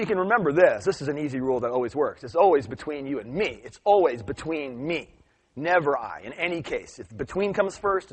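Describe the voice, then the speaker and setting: Animated man teaching grammar live. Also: on the high side, husky. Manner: animated storytelling, acts out quoted voices. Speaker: grammar teacher leading a workshop. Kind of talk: live workshop talk. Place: live workshop room.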